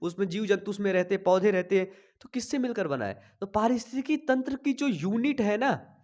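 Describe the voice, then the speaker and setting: A young man teaching a biology class in from a small home studio, talking slowly after a cough and checking in with his students all the time. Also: high-pitched, expressive, a little mellow. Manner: chatty, checks in constantly with "thik hai". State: recovering from a cough, speaking slowly. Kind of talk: online class lecture. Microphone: sensitive desk mic.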